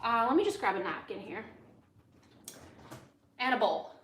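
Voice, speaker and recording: A woman with a higher, sing-song voice talks at a normal speed, her tone fairly bright over a faint hiss or hum. She's an American chef from Los Angeles hosting a cooking livestream, chatting casually and rambling into asides as she cooks. The room sounds roomy and echoey.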